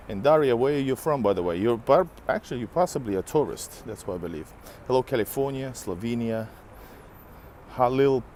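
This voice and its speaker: A Finnish man whose native language is Russian walks down a city street, chatting casually with viewers on a live stream and greeting them by name. His voice is mid-range and a bit dark, with a little hiss or hum.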